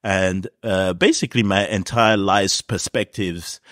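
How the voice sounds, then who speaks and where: A man in his fifties, originally from Cameroon, talks through his story in an easy, unhurried interview style, full of small fillers. His voice sits on the low side. The sound is dry and close, with no room around it. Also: no echo. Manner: relaxed storytelling with frequent fillers. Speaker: podcast guest. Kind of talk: casual interview talk.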